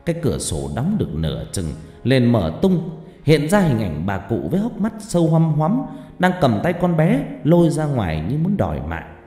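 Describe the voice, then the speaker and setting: A man narrating a horror story in a dramatic way, swinging between tense and hushed delivery. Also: mid-range voice, wildly swooping pitch, moderate pace. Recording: heavy reverb, faint music behind.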